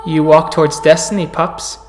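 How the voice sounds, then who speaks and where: A man's voice: on the high side, flat delivery, moderate pace, music in the background, close to an everyday voice. A man voicing a cryptic spirit in a tabletop game, giving portentous rhymed prophecy in a grave manner. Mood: grave warning. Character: cryptic prophesying spirit warning young wolves of doom. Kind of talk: tabletop role-play character acting.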